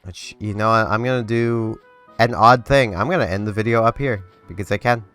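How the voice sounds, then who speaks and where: Brisk and fairly low-pitched, his voice is clear, resonant and a bit bright, though congested. The young man hosts a gaming channel and rambles casually as he plays, stuffing in fillers and breaking off to restart. Recorded dry and close, with game music faintly behind him.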